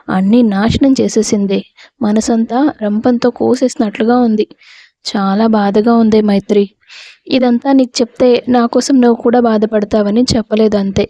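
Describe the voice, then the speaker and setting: A woman's voice: medium pitch, mellow, no echo, lo-fi sound, close to an everyday voice. A woman voicing a heartbroken young man, a team leader, complaining bitterly after being turned down.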